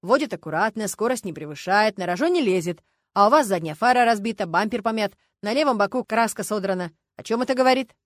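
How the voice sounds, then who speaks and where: Brief: woman narrator voicing a tired male police lieutenant, brisk matter-of-fact delivery. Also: mid-range voice, lively intonation, no echo, clean studio sound, natural voice. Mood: stern. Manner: measured, matter-of-fact, sighing officialdom. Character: male traffic police lieutenant, dry, weary, ironic. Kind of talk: audiobook character reading.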